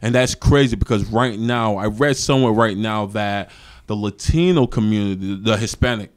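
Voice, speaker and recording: A man's voice: on the low side, moderate pace, smooth. A man in his thirties hosting a podcast, affirming his guest often and asking questions into a desk microphone in a small studio. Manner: affirming, many backchannels, asks questions. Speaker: podcast host. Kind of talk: podcast interview. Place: small studio with wood-panel wall. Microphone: desk mic on stand.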